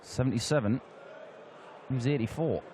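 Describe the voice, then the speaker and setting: In a commentary booth with a crowd audible behind him, a man with a medium-pitched voice talks at a normal pace over background noise. He's commentating on darts, chatty and analytical, tossing in the occasional joke.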